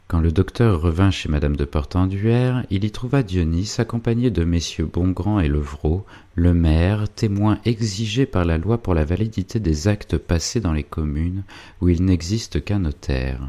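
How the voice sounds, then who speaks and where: Low, dark-toned male audiobook narrator, measured classic reading.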